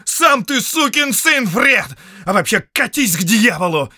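A man's voice: high voice, very animated, measured pace, pushed and bright, dry recording, clean studio sound, pitched above the performer's own voice, full character voice. A man voicing a cocky young captive who answers back in a raised, mocking voice. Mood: defiant. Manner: mocking, defiant.

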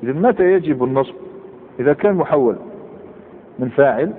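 A man teaching grammar to a class. He reads examples slowly and quizzes his students as he goes. The recording is narrow and phone-like, with long reverb from a hall. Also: on the high side, animated, a little hiss or hum.

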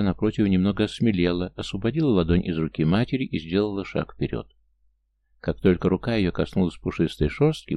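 Deep, gravelly male audiobook narrator. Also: dark tone. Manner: measured storytelling delivery.

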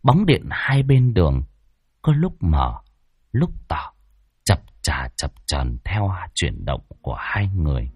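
Guy telling a creepy ghost story, lively dramatic delivery, dry close sound. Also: deep voice, slow pace, slightly rough, no room sound, faint music behind. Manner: dramatic, ominous. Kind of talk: dramatic horror story narration.

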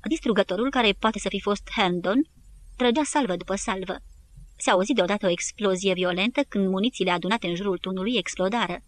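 A woman narrating a war history audiobook in an even, measured reading. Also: mid-range voice. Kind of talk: scripted narration.

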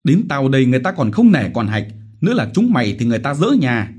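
Brutal bullying village chief, shouting curses, high and loud, husky edge, voiced by a man, audiobook. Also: big pitch swings, fast talker. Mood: threatening.

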